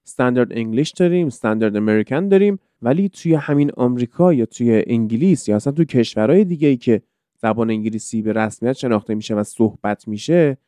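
A man's voice: medium pitch, animated, mellow, smooth, dry recording, studio quality. A man hosting a casual podcast lesson, explaining with many examples and rhetorical questions. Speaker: podcast host teaching English.

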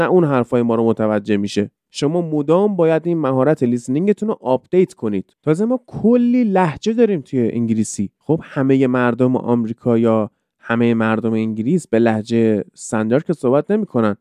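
A man's voice: mid-range voice, mellow, smooth, no echo. A man hosting a casual podcast lesson, explaining with many examples and rhetorical questions. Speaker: podcast host teaching English.

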